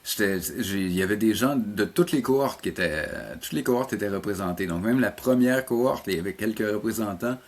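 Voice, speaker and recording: Talking briskly with hardly any pauses, this animation teacher and programme coordinator speaks in a lowish voice with a Quebec French accent. He's a middle-aged interview guest, relaxed in tone, who repeats words as he hunts for how to put things.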